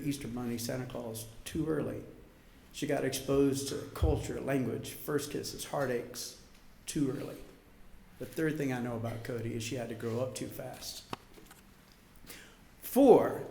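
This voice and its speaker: A man's voice: medium pitch, vocal fry, a little mellow, slight background noise. A middle-aged man giving a heartfelt wedding toast as father of the bride, speaking emphatically and emotionally, holding back tears. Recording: echoey room.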